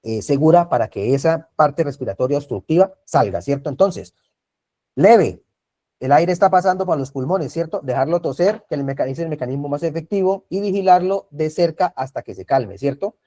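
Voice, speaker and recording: A man with a Colombian Spanish accent teaches an online first aid class. His voice is mellow and dark in tone. He talks over a video call and keeps asking whether his students follow. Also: a little high, animated, moderate pace. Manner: repetitive, checks in with frequent tag questions.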